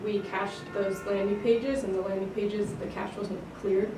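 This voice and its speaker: A woman's voice: mid-range voice, flat delivery, measured pace. A woman talking casually through a technical problem in a team discussion. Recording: echoey room, distant mic, background noise.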